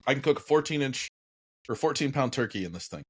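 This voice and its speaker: A man's voice: medium pitch, expressive, fast talker, husky. A man co-hosting a casual podcast, emphatic and wry, talking into a podcast microphone. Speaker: podcast co-host.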